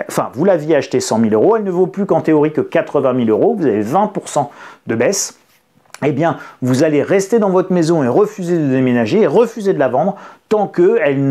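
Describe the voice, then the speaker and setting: Casting: male economics host, mellow tone, animated delivery, explainer-video style. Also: fairly high pitch. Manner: lively and expressive, with sound effects and asides. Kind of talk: explaining finance to an online audience.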